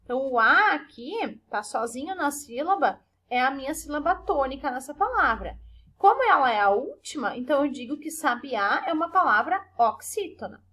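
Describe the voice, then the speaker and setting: High-voiced patient woman teacher. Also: very animated, sharp tone. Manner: patient, slow syllable-stressing explanations with frequent tag questions. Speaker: primary school teacher. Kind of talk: recorded remote class for children.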